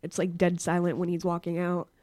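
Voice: medium pitch, monotone, brisk, darkish tone, no echo. A podcast co-host chatting casually and candidly, often laughing and trailing off mid-sentence. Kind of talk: casual chat.

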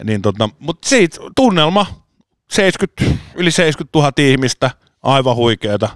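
A man's voice: medium pitch, sing-song, no room sound, clean studio sound. A man co-hosting a podcast, telling long casual stories with lots of restarts and the odd swear word. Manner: rambling storyteller, swears and laughs often. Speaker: podcast co-host. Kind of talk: casual chat.

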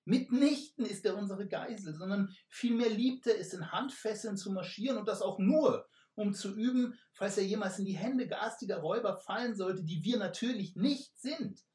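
A man's voice: a little high, unhurried, vocal fry, recorded from a distance, voice pushed up. A man voicing a sly male robber leader with flowery, ingratiating speech. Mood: smarmy. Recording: roomy echo.

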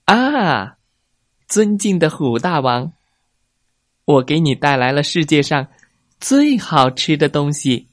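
A man voicing a sly, flattering male fox in a children's story, talking in a fawning, sweet-talking way. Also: on the high side, takes it slowly, long pauses, no room sound, studio quality.

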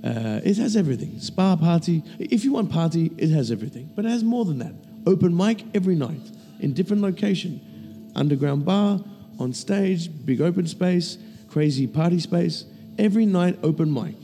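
A man hosting a casual chat, animated and crude, firing off quick questions and jokes. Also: fairly high pitch, big-room sound, faint music behind. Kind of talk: casual banter.

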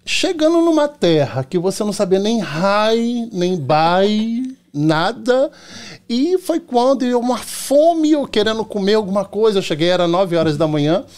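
This podcast guest is a middle-aged man from Rio de Janeiro whose Carioca Portuguese accent carries a high, slightly mellow voice. He's very animated yet keeps a measured pace, chatting through casual stories, performing the dialogue he quotes and frequently adding "entendeu?"

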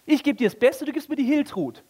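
A man's voice: very high-pitched, animated, quick pace, a little mellow, pitched above the performer's own voice. A man voicing God as exasperated and sarcastic, sending a worthless offering back. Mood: indignant. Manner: sarcastic, indignant.

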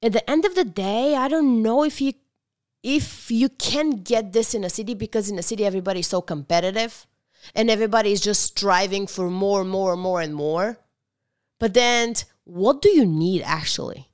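Woman, mid-pitched, earnest interview guest, reflective, restarts a lot. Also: normal speed, darkish tone. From Bulgaria. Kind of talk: casual interview conversation.

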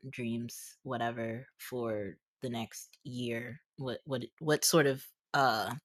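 A woman podcast co-host in casual chat, relaxed, laughing often and hesitating loosely as she asks questions. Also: extremely low pitch, takes it slowly.

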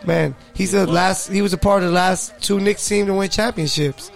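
Raspy, joking male podcast host. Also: high-pitched, fairly even intonation, moderate pace. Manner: loose, joking, many fillers. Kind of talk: casual sports podcast chat.

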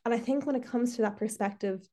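Casual: chatty woman podcast host, thinks out loud, lots of restarts. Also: fairly high pitch, fast talker. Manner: reflective, rambling with many restarts. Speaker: podcast host, trainee therapist. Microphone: video call.

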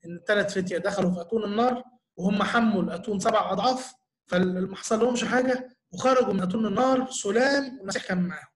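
A man's voice: high voice, very fast. A man with an Egyptian accent, a church teacher answering questions in an earnest, explanatory way, full of rhetorical questions. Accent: Egyptian Arabic. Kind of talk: answering audience questions in a talk.

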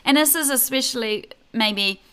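A woman's voice: sits high, moderate pace, a bit bright, smooth. A woman co-hosting a podcast, giving baby sleep tips in a chatty, casual way with many restarts. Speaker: podcast co-host. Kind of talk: casual advice chat.

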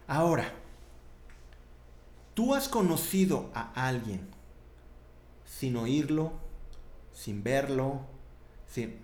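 A man's voice: medium pitch, echoey room. A man with a Mexican accent preaching a sermon in a chatty, conversational way, often tagging his sentences with questions. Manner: conversational, animated, tag questions.

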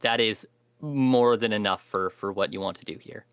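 A man's voice: on the low side, normal speed, a bit bright, clean tone, dry recording. A man narrating as game master, hesitant with many fillers.

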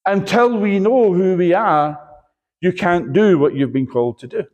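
A man's voice: high voice, normal speed, a little mellow, highs cut off. A man preaching a sermon, emphatic and repetitive, often asking his listeners for an amen. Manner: emphatic, repetitive, calls for amens.

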